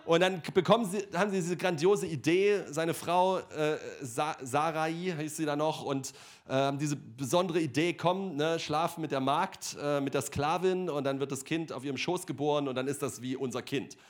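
A man preaching a sermon to a congregation in a conversational, joking way, often laughing and dropping into quiet asides before loud exclamations. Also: fairly high pitch, moderate pace. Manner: conversational, jokey, laughs often, many fillers like ne and äh.

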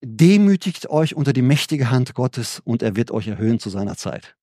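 A man preaching an informal sermon in a conversational way, with frequent restarts and tag questions, his pitch rising when he gets enthusiastic. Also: very animated, moderate pace, mellow, dry recording, studio quality.

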